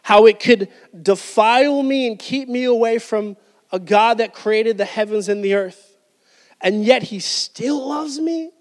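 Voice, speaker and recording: A man's voice: very high voice, a little slow. A man in his thirties preaching a sermon on a church stage into a handheld mic, with emphatic delivery and frequent restarts. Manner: emphatic preaching with repeated restarts, gesturing while speaking. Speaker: pastor. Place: church stage, indoors, medium-sized hall. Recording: hall with long reverb.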